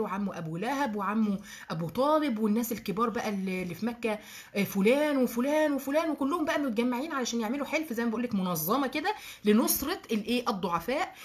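A woman with an Egyptian accent teaches a religious class to girls, talking quickly. Her voice is husky. She keeps asking the class questions and explaining words. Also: fairly high pitch. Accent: Egyptian Arabic. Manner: lively, asks the class questions, explains terms. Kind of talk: Islamic lesson for girls, Egyptian colloquial.

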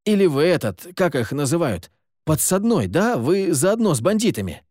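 A man voicing a naive, suspicious prisoner who gets excitable and raises his voice. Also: fairly high pitch, moderate pace, no room sound, clean studio sound, voice pushed up.

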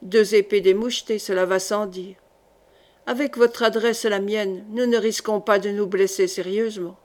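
A woman reading the part of a gruff older male jailer in an audiobook, speaking slowly and with quiet irony. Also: medium pitch, fairly even intonation, close to an everyday voice. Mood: calm ironic.

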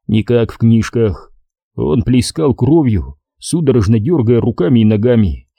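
A man narrating a war novel as an audiobook in an expressive storytelling manner. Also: mid-range voice, breathy edge, no room sound, studio quality.

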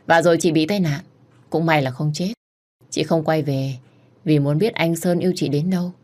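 A woman voicing a calm scheming rival. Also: deep voice, normal speed. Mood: calculating.

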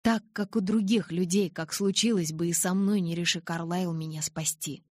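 A woman's voice: on the low side, fairly even intonation, moderate pace, dry recording, studio quality, natural voice. A woman reading the lines of a brooding young male vampire in an audiobook, earnest and grave.

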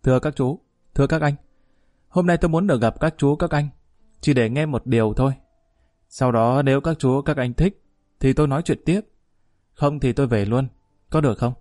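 Brief: steady, no-nonsense village woman mediator, read by a man, middle pitch, firm and measured. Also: dry recording, studio quality, close to an everyday voice. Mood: calm firm. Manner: measured, plain-spoken, commanding.

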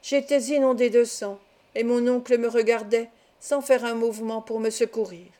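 Calm woman reading an audiobook. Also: on the high side, normal speed. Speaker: audiobook reader. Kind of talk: audiobook narration.

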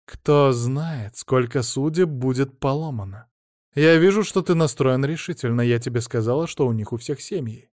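A man's voice: medium pitch, moderate pace, darkish tone, no echo, studio quality, close to an everyday voice. A male reader voicing a reserved older woman who answers in a weary, firm way. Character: reserved older woman, a maternity ward worker.

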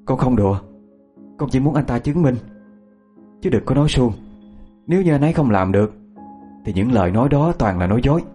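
A man voicing a bewitched young woman, making cold, insistent demands in a husky voice. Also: mid-range voice, expressive, a little fast, long pauses, mellow, faint music behind, pitched above the performer's own voice, close to an everyday voice. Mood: defiant.

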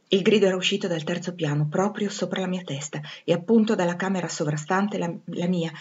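A woman reading a classic novel aloud in a measured, expressive way. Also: fairly low pitch, highs cut off. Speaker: audiobook reader. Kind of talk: literary audiobook narration.

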